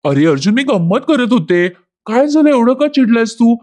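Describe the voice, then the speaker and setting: A woman's voice: on the high side, big pitch swings, normal speed, darkish tone, voice pushed up. Teasing young sister, light and playful, voiced by a woman narrator.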